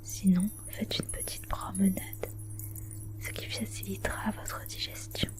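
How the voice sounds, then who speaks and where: A woman speaks in a soft ASMR whisper, breathy and hushed throughout. Her delivery is measured and instructional, laid out in short phrases with little melodic movement. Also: mid-range voice, level tone, over music. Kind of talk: whispered ASMR guided wellness advice.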